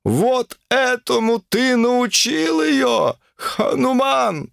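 Guy doing a preachy fanatical guru, gravelly, slow and drawn out, swoops all over the place. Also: a little high, sing-song, fairly bright tone, dry recording, studio quality, exaggerated voice. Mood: self-righteous. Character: pompous fanatical male guru preaching against women. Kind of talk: audiobook character reading.

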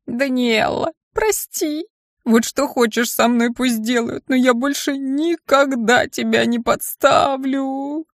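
A woman's voice: sits high, slow pace, dry recording, studio quality, pitched above the performer's own voice. A woman voicing a fussy, guilty little male imp servant who pleads and whimpers. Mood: whimpering. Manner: whiny, pleading.

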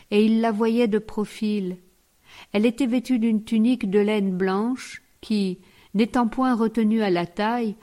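A woman narrating a novel as an audiobook, in a measured, steady reading voice. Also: mid-range voice.

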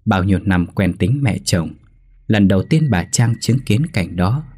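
A man narrating a horror story in a measured, suspenseful way. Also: lowish voice, animated, husky. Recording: soft background music.

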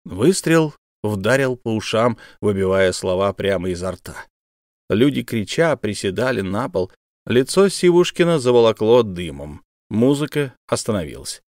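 A man reading an audiobook in a dramatic, measured narration. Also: fairly low pitch, sing-song, darkish tone, no room sound, clean studio sound. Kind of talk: scripted narration.

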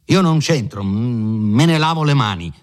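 A man's voice: low-pitched, animated, slow pace, darkish tone. A man voicing a pompous older country lawyer in an audiobook reading, patronizing at first, then blustering and dismissive.

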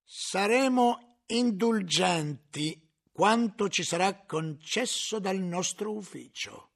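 A man voicing a stern, coldly paternal inquisitor who speaks slowly and solemnly. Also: high-pitched, animated, gravelly, a bit bright, voice pushed up, full character voice. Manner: slow, measured, solemn.

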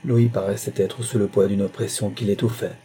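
A man narrating a novel in a steady, measured reading. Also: fairly low pitch, a little hiss or hum. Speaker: audiobook narrator.

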